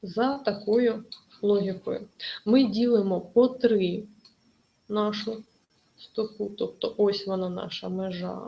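Woman teacher doing an online exam prep lesson, kinda gravelly voice, lots of hesitating ums. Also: mid-range voice, steady tone, takes it slowly, mellow, low-quality recording. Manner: careful explaining with frequent hesitations.

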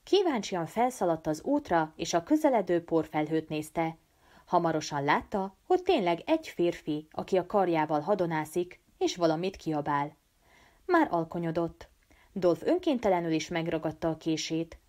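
A woman reading a novel aloud as an audiobook, with an animated, expressive delivery. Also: on the low side. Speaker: audiobook reader. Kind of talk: storybook narration.

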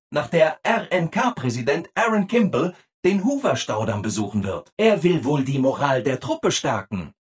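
Yes Man, husky, hyper-cheerful robot. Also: fairly high pitch, full character voice. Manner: chirpy, over-polite, self-blaming, exaggeratedly upbeat. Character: relentlessly cheerful, eager-to-please robot assistant, male. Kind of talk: video game voice acting.

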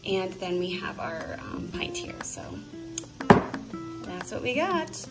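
A woman's voice: mid-range voice, sing-song, slow, loud music behind the voice. A woman in her thirties gives a chatty, upbeat how-to walkthrough while working in her home kitchen, talking into a phone held at arm's length. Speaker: DIY homemaking vlogger. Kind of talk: casual how-to narration. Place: home kitchen and laundry room.

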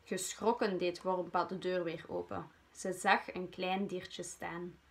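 A woman's voice: fairly low pitch, flat delivery, slow, vocal fry. A Flemish woman teacher reading a storybook aloud to children.

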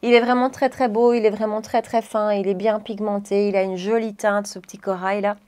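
A woman's voice: mid-range voice, level tone, brisk, a little mellow, clear, resonant tone. A woman beauty vlogger chatting casually to camera, gushing and chatty, with frequent fillers.

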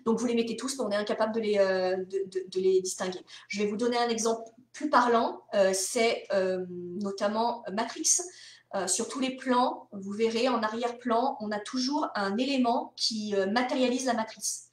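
Lively higher-voiced woman in a roomy room. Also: moderate pace. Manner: animated, talkative, peppered with hesitations and casual swearing. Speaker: professional author answering reader questions. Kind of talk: casual live-stream Q&A. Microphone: webcam or phone mic on a live stream. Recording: roomy echo.

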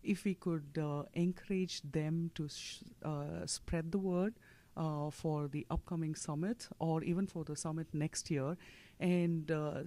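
A woman on a discussion panel, friendly and steady, offering suggestions into a handheld mic. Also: low-pitched. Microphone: handheld microphone.

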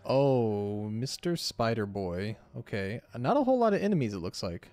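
A man's voice: lowish voice, very animated, normal speed, a little mellow, no room sound, faint music behind. A man hosting a gaming video, giving casual, off-the-cuff commentary as he plays. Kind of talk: casual let's-play commentary.

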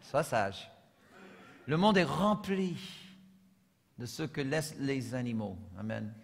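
A man from the United States with an American accent, preaching a sermon as pastor, telling humorous stories and swinging from soft asides to shouted lines. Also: medium pitch, expressive, a little slow, creaky. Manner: humorous storytelling. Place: church. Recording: long church reverb.

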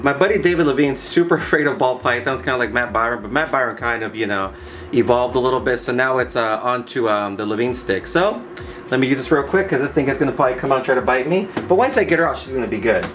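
A man's voice: medium pitch, a bit bright. Enthusiastic man showing off, noisy room. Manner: enthusiastic, slangy, repeats superlatives. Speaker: snake breeder presenting his collection. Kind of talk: casual video showcase to viewers. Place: small indoor reptile rack room.

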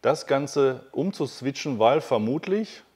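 A man's voice: medium pitch, lively intonation, slow pace, darkish tone, slightly rough. A man hosting a casual interview in a large workshop hall, talking in a chatty, enthusiastic way with many fillers and restarts. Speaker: host.

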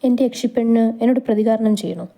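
A man's voice: extremely high pitch, fast talker, creaky, dark tone. A woman voicing a devoted young husband who murmurs playful teasing at his wife in a storybook reading.

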